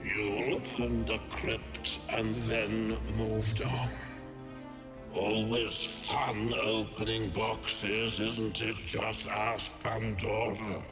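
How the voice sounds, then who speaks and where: A man playing a cryptic, knowing male mentor in a game, measured and sardonic. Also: fairly low pitch, little pitch movement. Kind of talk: scripted game dialogue. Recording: roomy, long reverb, music behind.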